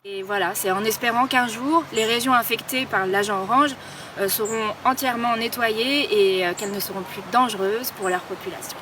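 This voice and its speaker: A woman from France, an artist, giving a steady, earnest recorded statement of support outdoors. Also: a little high, moderate pace. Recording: distant mic, street noise.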